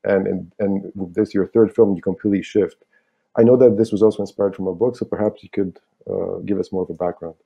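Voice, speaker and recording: A man's voice: sits low, fairly even intonation, fairly quick, vocal fry, dark tone, breathy edge. A man interviewing a film director, asking long questions with hesitant restarts. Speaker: festival programmer interviewer. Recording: dull lo-fi sound.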